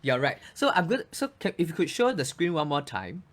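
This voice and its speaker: Man explaining, lively pitch. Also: fairly quick. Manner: explanatory, frequent restarts and "you know". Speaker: voice coach and actor, guest. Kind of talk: casual interview chat.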